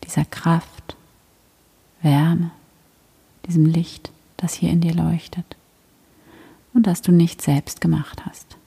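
A woman guiding a prayer meditation in a soft, breathy whisper, gentle and soothing. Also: lowish voice, level tone, slow, long pauses.

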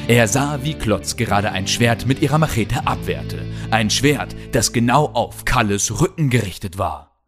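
A man's voice: medium pitch, lively intonation, a little slow, music in the background. A man narrating a children's adventure audiobook in a dramatic storytelling manner.

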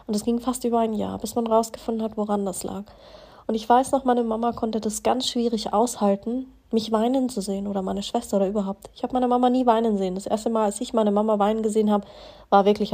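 A woman's voice: mid-range voice, warm tone. A young adult woman hosting a podcast, talking in an earnest, heartfelt way with frequent fillers and restarts. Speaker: podcast host. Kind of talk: casual spoken podcast monologue.

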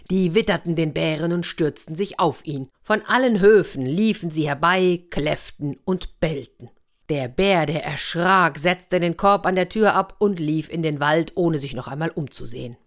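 Woman, storyteller, children's fairy tale read aloud, lower voice, lively, confiding asides.

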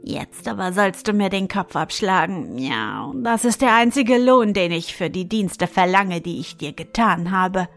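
A woman's voice: medium pitch, lively intonation, a little slow, hardly any pauses. A clever, scheming cat, put on by a woman reading a fairy tale, who purrs out a meow before she speaks. She takes her time over every word. Faint music plays underneath. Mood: insistent. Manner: starts lines with a meow.

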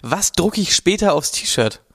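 A man hosting a relaxed podcast conversation, joking around and nudging his partner to perform. His voice is a touch higher than most men's. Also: a little slow, vocal fry, breathy edge. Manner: teasing, pushy, joking. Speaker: podcast co-host. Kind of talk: casual chat.

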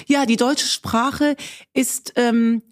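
A woman, co-hosting a podcast in casual chat and telling stories with lively tag questions. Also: fairly high pitch, extremely slow. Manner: lively, animated storytelling with frequent "ne?". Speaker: podcast co-host.

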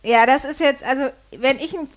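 A woman, chatting and laughing easily as a podcast co-host. Her voice sits a bit high. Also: a little fast. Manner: playful, laughs often. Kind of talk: casual chat.

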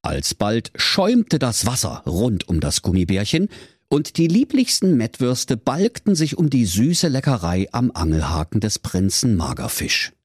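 A man narrates a parody fairy tale in a mock-solemn storybook tone. His pitch swoops widely, and his voice sounds dry and close. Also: big pitch swings, a little slow, breathy edge, dry recording.

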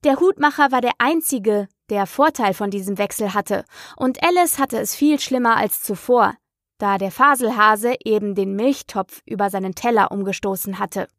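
A woman narrating an audiobook of a children's classic in a slow, measured reading. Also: mid-range voice, no echo, clean studio sound. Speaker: storyteller.

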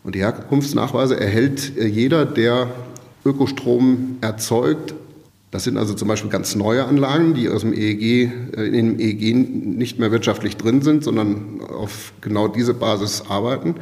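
A man's voice: mid-range voice, normal speed, darkish tone, long reverb tail. A man working in energy purchasing, giving patient interview answers and explaining with everyday comparisons.

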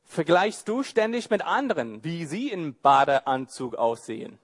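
Male pastor for a sermon; high, swooping voice, unhurried, playful and mocking. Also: slightly rough. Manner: animated, mocking asides and rhetorical questions.

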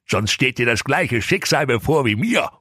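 A man's voice: mid-range voice, sing-song, moderate pace, bright, forceful tone, slightly rough, dry recording, studio quality, voice pushed up, full character voice. A man voicing the solemn ghost of a dead, stingy old business partner in a comic audio story. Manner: solemn, grave warning tone.

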